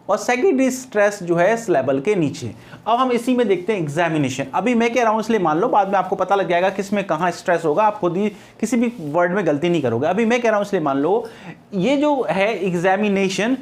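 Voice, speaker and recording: A male teacher giving a classroom lecture on English phonetics. He mixes English terms into his explanation, repeats key terms and answers his own questions. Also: sits high.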